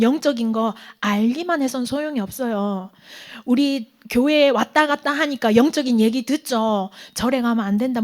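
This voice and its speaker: High-voiced woman preaching to teens. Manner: asks questions and answers them, with sudden whispered lines. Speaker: youth pastor. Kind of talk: sermon to teenagers. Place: church hall.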